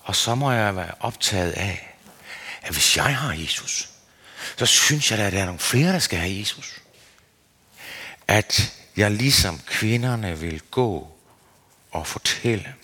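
A man giving an earnest, searching sermon as a preacher, his pitch rising and falling. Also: animated, pauses often, bright, forceful tone, breathy edge. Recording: long hall reverb.

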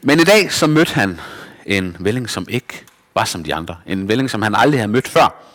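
A man reading a children's story aloud in a lively, expressive way. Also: on the low side, in a large hall.

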